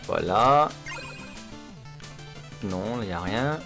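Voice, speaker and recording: Animated man commentating a video game. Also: fairly low pitch, drawn-out words. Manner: sweary, self-mocking asides. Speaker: gamer commentating a playthrough. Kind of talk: casual gameplay commentary. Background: game music.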